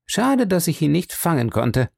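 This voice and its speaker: A man voicing a watchful gentleman who speaks in a casual, indifferent tone. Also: on the high side, very animated, normal speed, gravelly, no echo, studio quality, voice pushed up, exaggerated voice. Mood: offhand. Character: offhand man, sly and watchful.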